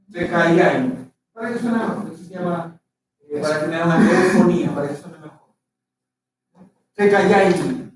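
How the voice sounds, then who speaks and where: A man teaching a language class, explaining patiently and often checking that his students follow. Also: high voice. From Chile. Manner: patient, checks understanding with frequent "¿cierto?". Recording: echoey, distant from the mic, faint noise.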